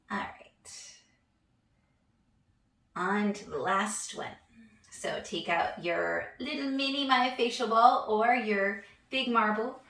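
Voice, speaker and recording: A young woman teaching a guided hand massage class, relaxed and chatty, laughing at herself now and then. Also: fairly low pitch, vocal fry. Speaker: yoga instructor. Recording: echoey room, voice from a distance.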